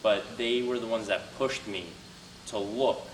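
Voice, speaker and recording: A young adult man, native in Albanian, gives students an earnest, motivational guest talk followed by questions, loud at the beginning. His voice is fairly low with fairly even intonation and an unhurried pace. The classroom recording sounds roomy and distant, with faint noise.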